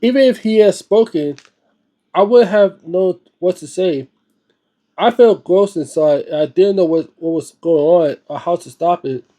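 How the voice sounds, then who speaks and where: Reading a book aloud at a measured pace, this man has a high-sitting voice with a dark tone. He trips over words here and there and tosses in casual remarks of his own between passages of narration.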